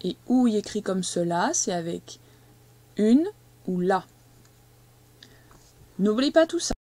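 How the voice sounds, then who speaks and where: A woman teaching a young child to read, speaking slowly and patiently and stressing each syllable as she dictates. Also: mid-range voice, sing-song, dark tone, dry recording. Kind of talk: reading and spelling lesson for a young child.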